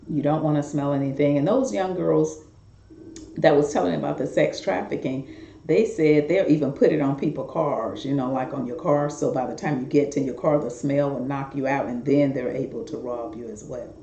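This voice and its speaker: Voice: mid-range voice, mellow, slight background noise. A middle-aged talk show host giving rambling, earnest, repetitive warnings straight to viewers in a casual monologue. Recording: roomy, dull lo-fi recording.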